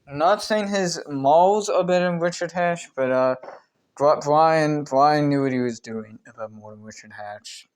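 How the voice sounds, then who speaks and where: A man's voice: on the high side, moderate pace, dry recording. A man ranking show contestants in casual commentary. He rambles, swears casually, and often trails off and restarts his sentences. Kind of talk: casual commentary while making a tier list.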